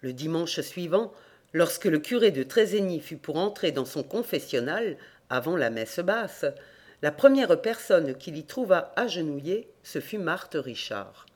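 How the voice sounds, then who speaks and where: Brief: male audiobook narrator, steady measured folk-tale reading, home mic. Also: a little high. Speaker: audiobook reader. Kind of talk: scripted narration of folk tales. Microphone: home recording mic.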